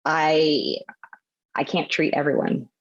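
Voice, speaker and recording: A woman's voice: low-pitched, level tone, takes it slowly. A woman in her thirties, a physical therapist guest, explaining methodically in a casual interview chat. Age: 30s. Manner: explains methodically in long runs. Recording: dull lo-fi audio.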